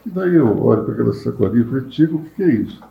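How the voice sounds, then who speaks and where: The host of a panel interview, a man with a medium-pitched, creaky voice, tells a joking anecdote in rapid-fire fashion with lively intonation. It is casual interview chat, and the recording sounds roomy and dull.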